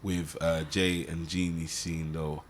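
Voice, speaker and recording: A man's voice: extremely low pitch, slow, slight background noise. A young man, a film director, chatting casually and encouragingly with his cast after a shoot. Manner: relaxed, encouraging, joking. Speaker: film director and podcast host. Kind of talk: casual post-shoot chat.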